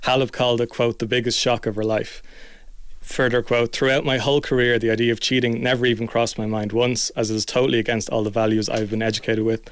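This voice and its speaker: A man's voice: medium pitch, flat delivery, fast, clean tone, no room sound, studio quality. A man reporting tennis news as a sports correspondent on radio.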